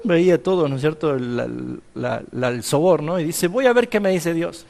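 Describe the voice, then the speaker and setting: High-voiced Argentine pastor in a reverberant hall. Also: male voice, normal speed, gravelly, a little mellow. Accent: Argentine Spanish. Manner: storytelling, acting out dialogue, asks the audience questions. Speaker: pastor teaching a seminary class. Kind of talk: sermon-style Bible lesson.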